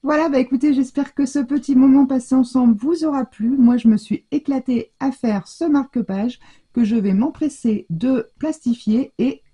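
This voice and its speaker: A woman's voice: sits high, normal speed, warm tone, slightly rough. An older woman chatting casually through a scrapbooking tutorial from her home craft room, thinking aloud as she works. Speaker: scrapbooking vlogger. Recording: dull lo-fi sound.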